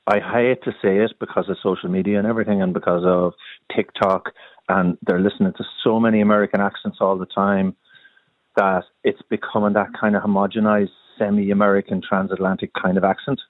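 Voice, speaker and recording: A middle-aged man with a soft-edged Sligo Irish accent chatting as a radio caller, halting and repeating words, over the phone. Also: lowish voice, flat delivery, no room sound. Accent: Sligo Irish, diluted. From Sligo area, Ireland. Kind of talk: casual chat. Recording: phone line to radio show.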